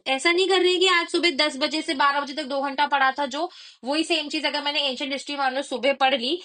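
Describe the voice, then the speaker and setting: Young female study coach, high voice, explains a study plan step by step and checks in with viewers often. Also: sharp tone. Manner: code-switching, repeats points, checks in with the viewer.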